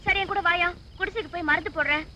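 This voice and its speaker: A woman's voice: very high-pitched, fast talker. An actress playing a caring, bossy young woman from a slum who fusses and scolds, in an old film soundtrack with music. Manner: fussing and scolding.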